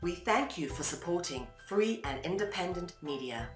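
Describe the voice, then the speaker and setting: A woman reading a scripted network announcement in a smooth, polished way. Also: on the low side, lively intonation, moderate pace, echoey room, music in the background.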